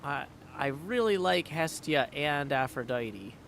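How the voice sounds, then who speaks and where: A video game streamer with a slightly high, somewhat bright, creaky voice talks a little slowly but animatedly, chatting casually and reasoning aloud. He occasionally sings small tunes, while game music plays and a little hiss or hum can be heard.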